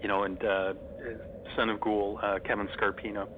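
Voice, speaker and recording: A middle-aged horror host, on as an interview guest, tells stories casually with a fan's enthusiasm. His voice is fairly low and fairly flat at a moderate pace, heard over a noisy, thin, phone-like line.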